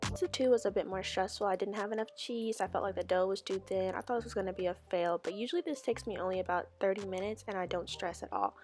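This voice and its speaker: A woman's voice: medium pitch, steady tone, quick pace, music in the background. A woman narrating her home cooking video, walking viewers through each step in a friendly way. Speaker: cooking vlogger.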